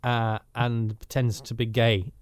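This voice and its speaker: A man's voice: medium pitch, flat delivery, unhurried, clear, resonant tone, no echo, clean studio sound. A man with a Yorkshire accent co-hosting a comedic podcast chat, rambling and playful. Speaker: podcast co-host.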